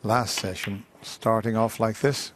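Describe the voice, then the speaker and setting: A man giving live snooker commentary in a hushed, measured delivery. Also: on the low side, fairly even intonation. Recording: crowd ambience and background noise. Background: snooker arena audience ambience.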